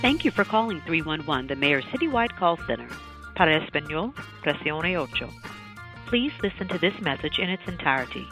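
A woman reading a recorded phone menu message, giving scripted prompts in a measured, clearly enunciated way. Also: deep voice, sing-song. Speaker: automated phone line announcer. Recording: recorded message over music.

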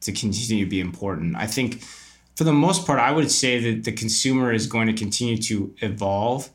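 On a podcast, a man with a lowish, brisk voice answers interview questions conversationally. He explains retail business, offering emphatic opinions and throwing out rhetorical questions.

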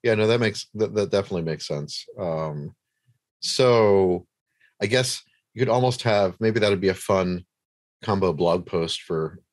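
A man's voice: sits low, a little slow, no echo. A man hosting a casual interview, talking in a rambling way with many fillers and restarts. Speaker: podcast host interviewing a guest.

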